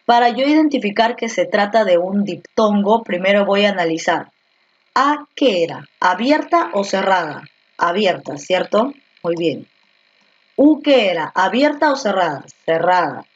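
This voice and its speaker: A woman's voice: mid-range voice, animated, moderate pace, highs cut off. A woman teacher explains a grammar lesson step by step, asking questions and answering them herself.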